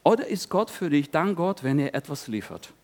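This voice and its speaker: A man preaching a sermon as a pastor, earnest and questioning, speaking in short phrases with pauses, then leading a prayer. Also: fairly high pitch, big pitch swings, a little mellow.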